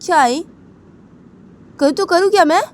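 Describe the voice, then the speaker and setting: A woman voicing an irritable, tomboyish young woman who talks in masculine forms, loud and snappy. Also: animated, moderate pace, slight background noise, close to an everyday voice. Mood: irritated. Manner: snappy, raised pitch and loud.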